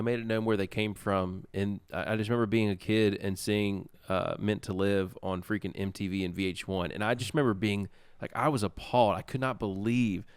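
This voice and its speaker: A man co-hosting a casual podcast, telling stories in a rambling, animated way. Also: on the low side, smooth, dry recording, clean studio sound. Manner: rambling, animated storyteller, restarts often. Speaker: podcast co-host. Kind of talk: casual chat.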